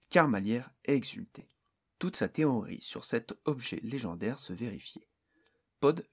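A man reads a fantasy story aloud in a steady, measured narrator voice. His tone is husky. He keeps the scripted narration even and clear. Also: mid-range voice. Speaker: audiobook narrator.

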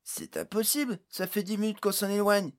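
A male narrator voicing an excitable male adventurer in a storybook. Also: high voice, moderate pace, voice pushed up, lightly acted. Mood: shocked. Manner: loud and exclamatory.

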